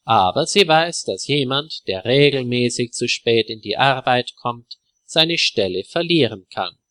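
A man narrating a simple story in a clear, deliberate way for language learners. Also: medium pitch, lively intonation, a bit bright, no echo.

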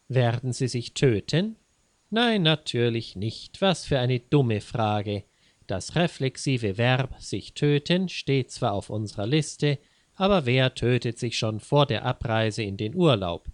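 A man's voice: mid-range voice, no room sound. A man narrating a scripted story for a grammar lesson in a didactic, wry manner. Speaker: language teacher.

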